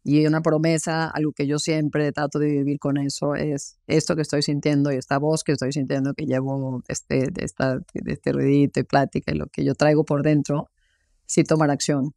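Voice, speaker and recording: Gravelly flat-voiced man reflecting. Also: a little high, no room sound, clean studio sound. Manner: earnest, many fillers like "este" and "¿no?". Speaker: guest. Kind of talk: reflective interview talk.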